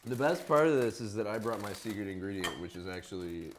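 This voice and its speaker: A man's voice: fairly low pitch, lively intonation, fast, noisy background. A man bantering casually as he cooks, rambling and joking at his own expense in a giggly, tipsy way. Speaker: cooking show contestant and host.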